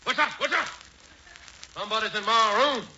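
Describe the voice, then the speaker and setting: A man's voice: sits high, moderate pace, sharp tone. An actor playing a pompous, pampered rich man in an old radio comedy, with an affected, melodramatic delivery. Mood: indignant, haughty. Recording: dull, very noisy vintage radio recording.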